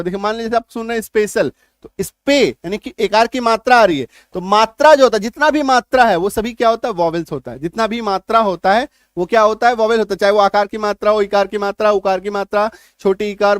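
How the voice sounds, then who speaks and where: A man's voice: high voice, clean tone, dry recording. Man teaching spelling, dry close sound. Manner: explains slowly, spells words letter by letter, keeps asking "है ना?". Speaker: English teacher. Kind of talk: online spelling lesson.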